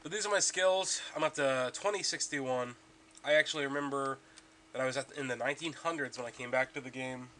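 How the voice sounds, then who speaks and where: A man's voice: medium pitch, fairly quick, bright, forceful tone, slight background noise. A young man rambling casually about his gaming progress as a podcast host, stuffy from allergies, with lots of ums and restarts.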